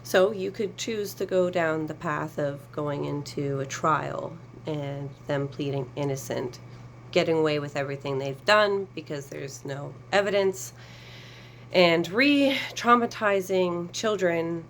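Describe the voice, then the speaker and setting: Low-voiced woman explaining with emphasis. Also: measured pace, a little hiss or hum, rough recording. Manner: earnest, emphatic, sarcastic at times. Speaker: survivor advocate. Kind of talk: direct-to-camera explainer.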